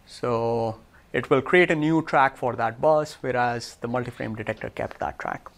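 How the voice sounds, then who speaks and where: A man's voice: mid-range voice, moderate pace, fairly bright tone. A man presenting research in a lecture room, walking listeners through results on his slides in a technical talk.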